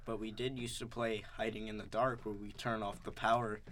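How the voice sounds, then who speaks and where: A man's voice: on the low side, level tone, brisk, fairly bright tone, slight background noise. A man co-hosting a podcast in casual chat, playful and teasing. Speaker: podcast co-host.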